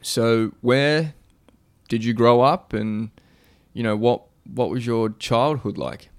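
A man hosts a podcast and questions his guest in a loose, stop-start way. His voice sits at an ordinary middle pitch. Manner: halting, restarts, friendly questioning. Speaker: podcast host. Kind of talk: casual interview chat.

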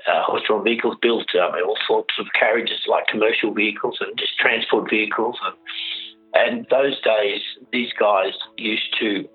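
An Australian man explaining things informally as an interview guest, halting and often repeating his words. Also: on the low side, steady tone, soft background music. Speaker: interview guest, carriage driver. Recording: dull lo-fi radio-like audio.

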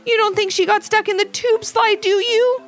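A woman voicing a practical young girl friend in a children's story, speaking in a high voice. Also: fairly even intonation, normal speed, faint music behind. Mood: concerned.

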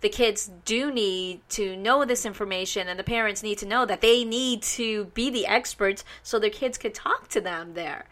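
A woman's voice: medium pitch, normal speed, few pauses, fairly bright tone. A woman hosting a podcast, chatting in an upbeat, giggly way as she introduces and interviews a guest. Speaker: podcast host. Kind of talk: casual interview chat.

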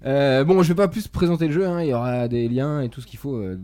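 A man's voice: medium pitch, fast talker. A man running a tabletop game as game master, narrating the scene between fillers. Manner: lively, hesitant with fillers. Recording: faint music behind.

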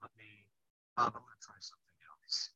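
A man's voice: fairly quick, pushed and bright, no room sound. A man chatting on a panel over a video call whose audio keeps cutting out, his faint words fading away. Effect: audio cutting out over a bad online connection. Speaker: panelist on a legal tech roundtable. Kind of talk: casual panel chat.

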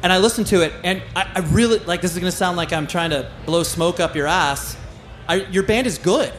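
A man's voice: high-pitched, fairly quick, a bit bright. An American man hosting a casual live interview in a chatty, effusive, conversational way. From California, United States. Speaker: podcast host, interviewer. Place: live stage at a music festival. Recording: background noise, live festival stage.

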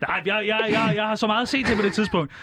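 High-voiced guy on a radio comedy bit, deadpan, rambles on with lots of uhs. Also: vocal fry, background noise. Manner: deadpan rambling storytelling with hesitations. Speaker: comedian playing an interview guest. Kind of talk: comic in-character radio interview.

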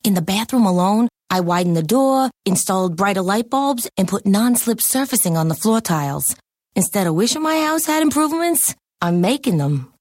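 A woman gives a scripted testimonial in a radio ad. Her pitch is average and the recording is close and dry. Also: animated, normal speed, a little mellow, dry recording.

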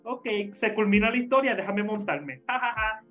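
A man with a high voice tells a story among friends on a podcast. He talks in a loose, casual way, laughs a lot and slips English words into his talk. Faint music plays underneath. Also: normal speed. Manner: lively, laughs often, mixes in English words. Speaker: podcast co-host.

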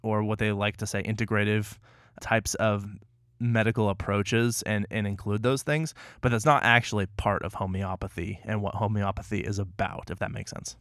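A man co-hosting a podcast, explaining a topic in a measured, slightly wry casual chat. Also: lowish voice, fairly even intonation, fairly bright tone, dry recording, clean studio sound. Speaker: podcast co-host.

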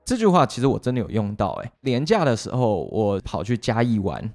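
A man with a Taiwanese Mandarin accent co-hosts a relaxed English-learning podcast. He talks in a middle-range voice, explaining vocabulary step by step, spelling words out and teasing his partner. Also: mid-range voice, a little fast, faint music behind. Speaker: podcast co-host teaching English. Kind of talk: casual chat.

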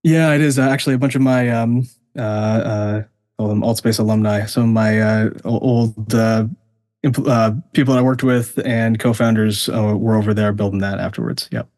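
A man from Hawaii chatting casually as an interview guest, with halting, hesitant phrasing. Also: on the low side, fairly even intonation, darkish tone, no room sound. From Hawaii, USA. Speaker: interview guest, tech entrepreneur.

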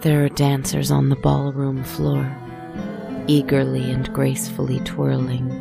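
Low, creaky, hushed woman's soothing storytelling. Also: completely flat delivery, music in the background. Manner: slow, deliberate, poetic phrasing. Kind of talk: soft, scripted guided relaxation storytelling.

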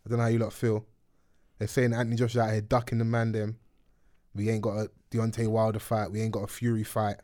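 A man's voice: lowish voice, completely flat delivery, fast talker, darkish tone, dry recording, studio quality. A man with a London roadman accent and slangy speech, hosting a casual podcast chat. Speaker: podcast host. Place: studio.

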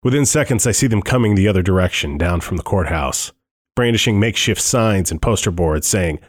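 A man with a fairly low voice narrates a first-person thriller audiobook. His telling is tense and dryly wry, like an anxious inner monologue. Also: lively intonation, a little fast.

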